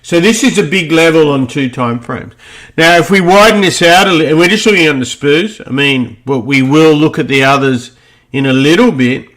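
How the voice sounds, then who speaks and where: A man's voice: a little high, moderate pace, fairly bright tone. A man presenting a loose, rambling walkthrough of market charts, often thinking aloud between points. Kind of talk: screen-share chart walkthrough.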